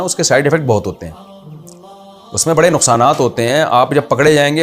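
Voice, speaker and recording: A man, an Islamic scholar, answering viewer questions in a conversational, explanatory way, with rhetorical questions and his pitch rising on emphasis. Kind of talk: religious Q&A talk.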